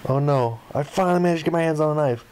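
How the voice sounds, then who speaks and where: During a game playthrough, a man with a somewhat higher-pitched voice reads visual novel story text aloud, dramatizing and performing the dialogue. He speaks very fast, and his voice is smooth and a little mellow.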